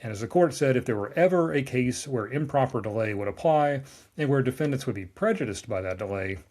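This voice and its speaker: A man's voice: mid-range voice, expressive, fairly quick, darkish tone. A man, a lawyer reading a scripted explainer with wry, dry asides. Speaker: trademark lawyer recapping a newsletter.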